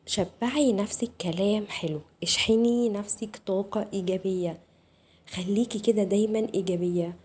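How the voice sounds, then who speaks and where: A woman with an Egyptian Arabic accent hosting a motivational self-help talk, speaking softly and intimately straight to the viewer. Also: mid-range voice, steady tone, brisk, slightly rough. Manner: soft, intimate, addresses viewer directly. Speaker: channel host.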